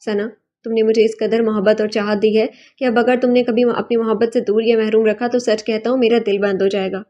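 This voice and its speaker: A woman voicing a remorseful young husband in an audiobook, with a soft, pleading and emotional delivery. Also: fairly high pitch, level tone, close to an everyday voice. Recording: dull lo-fi recording.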